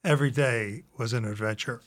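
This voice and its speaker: A man's voice: medium pitch, fairly quick, fairly bright tone. An older man in his seventies, a veteran from Long Island, recalling his service and life in a personal radio interview. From Long Island, New York, USA. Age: 70s. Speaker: guest, retired veteran and painter.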